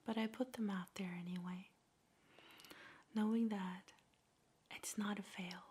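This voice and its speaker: Using a medium-pitched, fairly even voice, a woman leads a gentle ASMR meditation in a soft, breathy whisper. She speaks slowly and leaves measured pauses.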